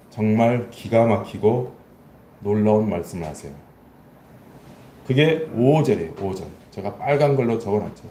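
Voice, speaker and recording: A man preaching a Sunday sermon as pastor, animated, asking his congregation questions and acting out lines in a spoken voice. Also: medium pitch, roomy sound, slight background noise. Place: church sanctuary.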